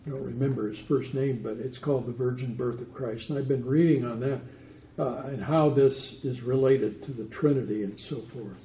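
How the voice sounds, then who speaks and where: Heard in a roomy, dull lo-fi recording with a little hiss or hum, a medium-pitched man speaks at normal speed while teaching a Bible study class. He poses questions to the group and repeats their answers back.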